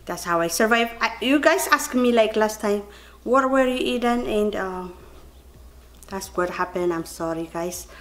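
A woman's voice: mid-range voice, expressive, unhurried. Chatty woman vlogging in her kitchen. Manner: earnest, chatty, addresses viewers as you guys. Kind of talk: casual vlog to camera. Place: kitchen at home.

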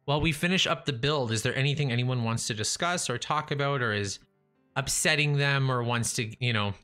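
A young man with a medium-pitched, sharp-toned voice streams a building game live, chatting casually with himself and his audience. He's in a small room at home with a studio mic in front of his face, and his talk keeps restarting and trailing off. He says his voice is on its way out.

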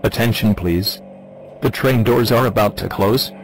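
Man's calm train door announcement. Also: lowish voice, over loud music, low-quality recording. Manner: calm, measured, formal. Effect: train station announcement over a speaker. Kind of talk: recorded public announcement.

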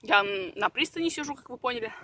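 Woman chatting while chewing, bright voice. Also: fairly high pitch, animated, fast. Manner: chatty, jokey, talks while eating. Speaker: mukbang vlogger. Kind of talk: casual vlog chat. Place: outdoors on a riverside pier.

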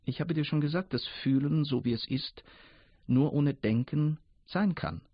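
Male reader playing an age-old wise river spirit, raised voice, husky, dull lo-fi sound. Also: on the high side, a little slow, dry recording, voice pushed up. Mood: calm, explaining. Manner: patient, explaining. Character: ancient wise male river, calm and knowing. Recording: dull lo-fi radio recording.

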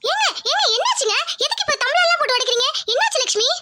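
A woman's voice: very high-pitched, lively intonation, quick pace, heavy background noise. A woman voicing a worried mother and wife who pleads with her angry husband. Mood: anxious. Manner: anxious, pleading.

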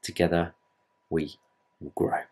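A fitness vlogger from Britain, in his twenties, sits in his bedroom at night rambling earnestly to camera and swearing casually. His voice is low-pitched, gravelly and darkish with a breathy edge, fairly even in intonation, at a measured pace.

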